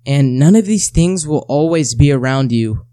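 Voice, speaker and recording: A man's voice: fairly high pitch, expressive, normal speed, dark tone, smooth, no room sound, clean studio sound. A man hosting a self-help episode, talking conversationally and directly to the listener, repeating key phrases and asking rhetorical questions.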